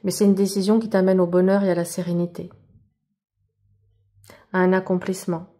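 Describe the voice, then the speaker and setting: A woman's dark, lowish voice holds a level tone and runs a little fast as she does a monthly tarot reading. Addressing the viewer directly, she's casual and spiritual, and her enthusiasm shows in repeated exclamations of wonder at the cards.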